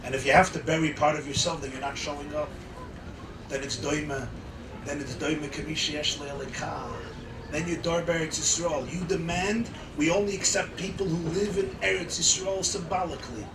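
Impassioned, high-pitched male rabbi preaching. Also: fairly even intonation. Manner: emphatic, rhetorical repetition, dramatic pauses; Hebrew and Yiddish religious terms mixed into English. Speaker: rabbi giving a talk. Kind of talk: impassioned sermon to a gathering. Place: makeshift sukkah hall with seated gathering. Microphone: table microphone on a stand. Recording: roomy, distant mic, clear background noise. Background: noisy room ambience.

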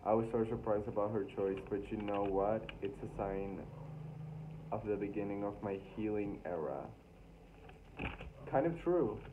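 A man's voice: lowish voice, steady tone, normal speed. Embarrassed young man reading aloud, tinny noisy recording. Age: young adult, early twenties. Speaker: vlogger. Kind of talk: casual vlog, reading own diary aloud with asides. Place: small room indoors. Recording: thin phone-like sound with loud noise.

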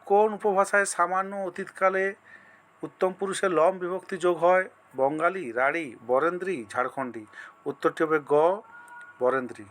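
A man's voice: high voice, normal speed, fairly bright tone. Man reading quiz answers in a lesson. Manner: reads each option as a list, then states the answer. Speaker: teacher.

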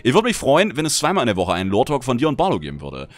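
German man, livestream gamer, chatty, lively voice that leaps up in excitement, answers chat. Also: mid-range voice, very fast, dry recording. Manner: chatty, swings from grumbling to excited shouting; reads out chat messages and answers viewers. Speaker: streamer. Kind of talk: casual livestream gameplay chat.

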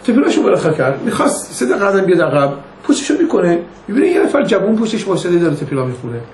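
An older man, a rabbi, teaches an informal religious class in a conversational style, telling stories and acting out their dialogue. His voice sits high with a sing-song quality and a darkish tone, recorded in an echoey room with faint noise.

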